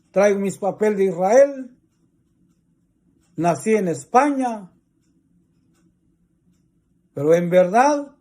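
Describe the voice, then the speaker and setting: A man with a Mexican Spanish accent, preaching a religious teaching in slow, deliberate, repetitive phrases. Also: high-pitched, a little mellow.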